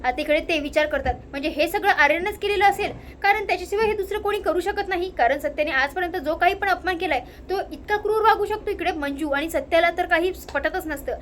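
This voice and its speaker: Very high-voiced woman recapping a story. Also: fast talker, few pauses, a bit bright, a little hiss or hum. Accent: Marathi. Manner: repeats filler phrases like "now here". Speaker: narrator retelling a TV serial episode. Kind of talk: casual spoken story recap.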